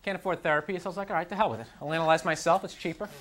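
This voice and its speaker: Exasperated young man doing stand-up. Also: rapid-fire. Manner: exasperated, self-mocking, jumps into high mocking voices. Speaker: stand-up comedian. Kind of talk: stand-up routine. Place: TV studio stage with live audience. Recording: noisy, with loud audience laughter.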